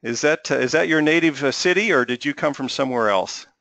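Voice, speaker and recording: A middle-aged man hosting an interview, courteous and halting, with many filler sounds. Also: on the high side, vocal fry, fairly bright tone, a little hiss or hum. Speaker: host.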